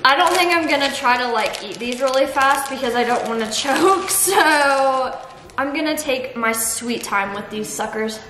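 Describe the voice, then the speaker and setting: A woman's voice: sits high, normal speed. A woman vlogger chatting casually to camera, giggly and laughing often, recorded in an echoey room. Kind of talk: casual vlog chat to camera. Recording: echoey room with steady background noise.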